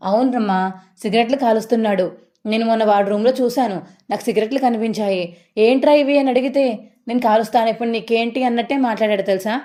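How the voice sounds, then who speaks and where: A woman voicing a worried, gentle older mother in a retold TV serial, speaking plaintively. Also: fairly high pitch, fairly even intonation, fast, close to an everyday voice. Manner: anxious, plaintive.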